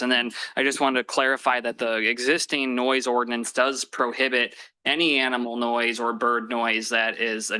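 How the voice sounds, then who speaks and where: A man's voice: medium pitch, sharp tone, smooth. A man on city staff explaining an ordinance to a council, matter-of-fact and explanatory.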